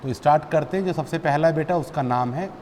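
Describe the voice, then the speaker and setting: High-voiced male physics teacher drilling students. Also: quick pace, a little mellow. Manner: addresses students as "beta", repeats terms for drilling. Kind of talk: classroom lecture. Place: classroom. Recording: long reverb, faint background noise.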